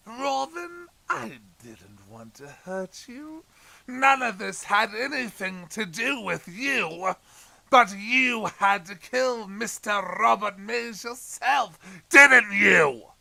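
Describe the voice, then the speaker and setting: A man playing the Joker as an unhinged, anguished and menacing clown villain in an audio drama, theatrical, swinging between hushed brooding and shouting. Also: high voice, expressive, slow, gravelly, heavily acted. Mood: accusing.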